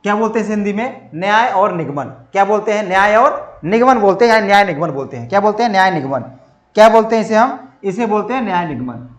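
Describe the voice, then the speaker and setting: A man's voice: sits high, animated, fast. A man teaching reasoning for competitive exams, asking questions and answering them himself, over and over for emphasis. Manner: drills by asking and answering his own questions; repetitive, emphatic. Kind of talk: exam-prep lecture. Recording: echoey room.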